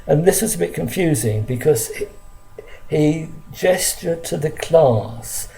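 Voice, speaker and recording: Older man, very dark gravelly voice, halting earnest recollection to camera. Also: on the high side, animated, slight background noise, poor audio. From London, England. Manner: halting, earnest storytelling with many restarts. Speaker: storyteller recalling his school days. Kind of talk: casual spoken recollection to camera. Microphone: camera close in front of him.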